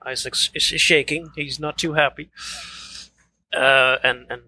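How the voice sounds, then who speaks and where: A man's voice: fairly high pitch, fairly even intonation, measured pace, bright, forceful tone, low-quality recording. A man chatting casually as a player in a tabletop game, laughing and tripping over names.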